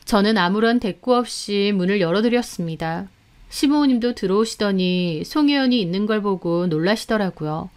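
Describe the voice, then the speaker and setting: A woman narrating a dramatic first-person story in a measured way. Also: medium pitch, smooth.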